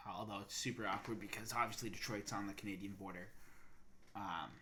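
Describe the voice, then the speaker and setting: A man's voice: fairly low pitch, fairly even intonation, fairly quick, pushed and bright, slight background noise. A young man co-hosting a podcast, chatting casually and thinking aloud with lots of fillers. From Massachusetts. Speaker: podcast co-host. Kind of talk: casual chat.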